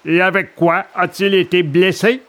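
A man's voice: high voice, level tone, moderate pace, a bit bright. A man voicing a stern adult gendarme who interrogates and gives curt military orders, in a storybook reading.

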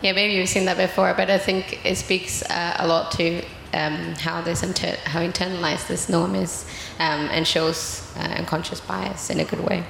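A woman lecturing in a measured, explanatory manner in an echoey room. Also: fairly low pitch, level tone, creaky, fairly bright tone, a little hiss or hum. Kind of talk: presentation talk.

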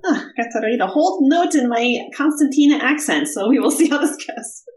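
A woman at a tabletop game, talking out of character in a casual way. Her pitch moves a lot as she explains her moves. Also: a little fast, rough recording. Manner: casual, laughing asides, lively. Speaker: player.

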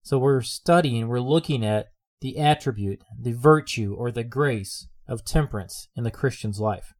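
Male preacher, mid-pitched, earnest sermon delivery with lots of repetition. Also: normal speed. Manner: earnest, repeats phrases for emphasis.

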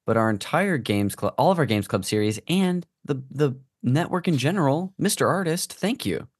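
A man's voice: mid-range voice, animated, moderate pace, breathy edge, dry recording, studio quality. A man hosting a podcast with casual, rambling banter and playfully overblown introductions. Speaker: podcast host.

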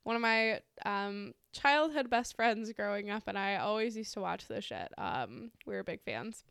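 A woman's voice: mid-range voice, animated, normal speed, vocal fry, fairly bright tone, smooth, dry recording, clean studio sound. A woman hosting a podcast, reading out ghost stories in a casual, giggly, informal way. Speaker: podcast host.

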